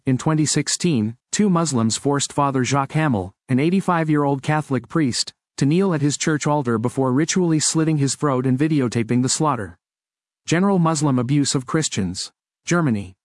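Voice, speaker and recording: A man's voice: a little high, dry recording. Man reading a news report, dry. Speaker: narrator. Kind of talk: scripted narration of a news report.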